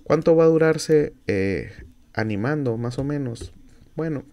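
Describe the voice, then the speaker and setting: A university instructor with a Mexican Spanish accent and a mid-range male voice records a software tutorial on screen. He talks through each step aloud, using fillers and correcting himself along the way.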